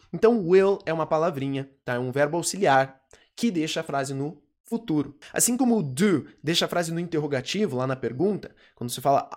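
Brazilian teacher voice, careful and slow, drills each phrase, mid pitch. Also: darkish tone. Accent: Brazilian Portuguese. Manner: slow, deliberate, repeats and drills example phrases. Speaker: English teacher. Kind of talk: online language lesson.

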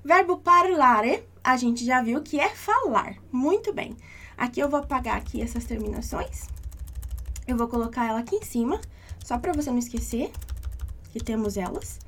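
A woman with a high, light voice, teaching an online language lesson. She speaks patiently and reassuringly and slows down to repeat each example. Her tone stays calm and encouraging.

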